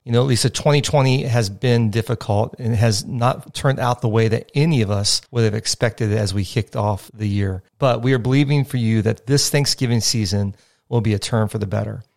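A man's voice: mid-range voice, moderate pace, gravelly, darkish tone. A man co-hosting a podcast with a mid-range voice. He sounds encouraging and reads his scripted lines with an easy flow. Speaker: podcast co-host.

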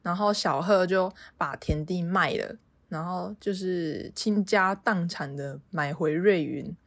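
A woman's voice: on the low side, unhurried, no room sound. A woman with a Taiwanese Mandarin accent hosting a podcast, casually retelling a story in a chatty way with many filler particles. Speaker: podcast host.

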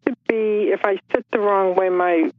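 A woman's voice: medium pitch, steady tone, no echo. Hesitant woman caller on a phone line. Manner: halting, hesitant, with many pauses and restarts. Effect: heard over a phone line on a radio call-in show. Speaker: radio show caller. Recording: muffled phone-line sound.

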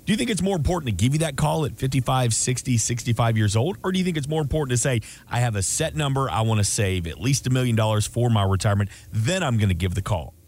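A man's voice: medium pitch, animated, fast talker, few pauses, a little mellow. Radio host guy, upbeat and salesy, voice bounces up and down. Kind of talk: radio host patter and ad reads.

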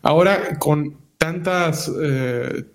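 A man's voice: a little high, drawn-out words. A man with a Mexican accent giving casual, slangy commentary as a panelist on a gaming talk show, explaining his points and checking in with short tag questions.

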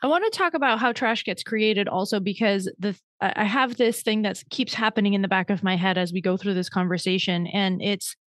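A woman hosts a podcast interview in a clean studio with no echo, her medium-pitched voice brisk and almost pause-free. She's chatty and self-deprecating, thinking out loud through long, winding questions in a conversational style.

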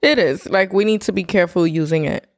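A woman co-hosting a podcast, chatting in an animated, opinionated way. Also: on the low side, fairly quick, no room sound, studio quality. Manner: animated, opinionated, laughs often. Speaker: podcast co-host. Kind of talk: casual chat.

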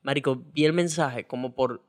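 A man's voice: medium pitch, moderate pace. A young man with a Venezuelan accent, co-hosting a casual podcast and telling a story animatedly with crude slang. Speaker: podcast co-host. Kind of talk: casual chat.

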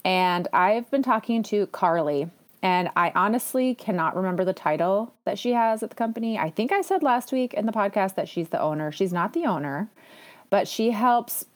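On her solo podcast, this woman keeps things casual, chatty and enthusiastic, with self-deprecating remarks sprinkled in. Her voice is medium in pitch and expressive, at a normal speed.

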